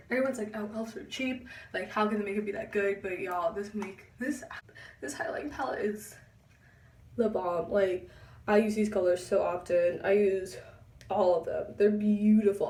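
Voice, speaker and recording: A young woman giving a chatty makeup tutorial, pausing as she concentrates. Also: medium pitch, darkish tone, recorded from a distance, a little hiss or hum. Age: young adult. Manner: chatty, halting while concentrating. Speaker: beauty vlogger. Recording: echoey room, a bit off-mic.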